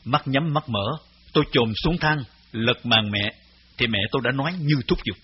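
A man reading his memoir aloud as narrator, in a grave, measured storytelling voice. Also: medium pitch, slightly rough. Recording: slightly dull recording with faint music.

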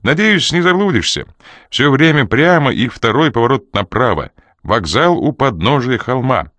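A man voicing a loud, jolly man cheerfully seeing off a friend after a night out. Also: mid-range voice, big pitch swings, normal speed, no room sound, voice pushed up.

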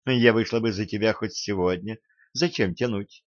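A man reading a young woman in love in a hushed, soft voice, in a storybook narration. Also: lowish voice, normal speed, dry recording, highs cut off, natural voice. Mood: tender.

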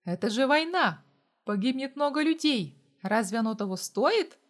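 A jealous, stubborn young hero of an audiobook story, as a woman reader voices him. He fires off irritable, defiant questions in a fairly high voice. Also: expressive, normal speed, lightly acted. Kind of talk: audiobook dialogue.

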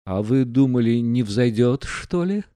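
A man reading aloud, voicing a crude man who jeers and mocks loudly. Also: mid-range voice, animated, measured pace, clear, resonant tone, no room sound, clean studio sound, natural voice. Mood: mocking. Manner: jeering, loud. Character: mocking, crude man, jeering.

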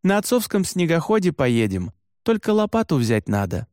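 A man's voice: on the high side, sing-song, moderate pace, darkish tone, no echo, clean studio sound. A man reading as a cheerful young herder. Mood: upbeat. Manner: easygoing, upbeat. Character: cheerful young Nenets reindeer herder, never discouraged. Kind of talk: audiobook dialogue.

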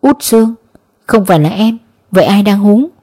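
A woman's voice: medium pitch, expressive, moderate pace, warm tone, husky. A woman voicing a hot-tempered vengeful young man. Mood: urgent.

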